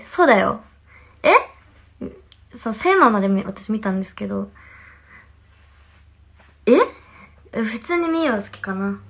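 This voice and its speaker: A young woman with a Hakata dialect accent chats on a phone livestream, reacting to fan comments as they come in. Her talk is chatty and casual, and at times it drops to a soft whisper. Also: mid-range voice. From Fukuoka, Japan. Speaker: idol livestreaming to fans.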